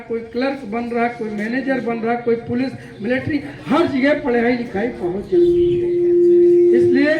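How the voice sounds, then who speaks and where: High-voiced man rousing a village crowd. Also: echoey room, rough recording. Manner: loud rousing call-and-response. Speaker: school awareness campaigner. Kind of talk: street play address to villagers. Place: outdoors at a village school.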